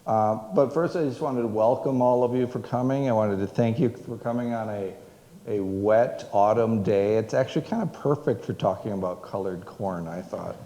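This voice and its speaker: A man's voice: lowish voice, normal speed, warm tone, lo-fi sound. A man, a museum director, giving a public history talk to an audience, rambling with many fillers and restarts. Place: museum event room. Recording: echoey hall with long reverb.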